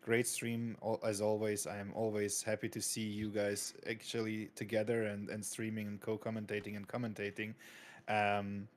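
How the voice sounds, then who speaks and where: A man on a racing stream, speaking casually in a halting way with many restarts. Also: on the low side, completely flat delivery. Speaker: guest commentator. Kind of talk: casual chat.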